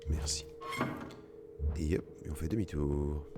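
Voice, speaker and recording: Very deep-voiced man gaming commentary. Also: steady tone, measured pace, background noise. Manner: joking, swearing asides. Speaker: let's play gamer. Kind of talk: casual gameplay commentary.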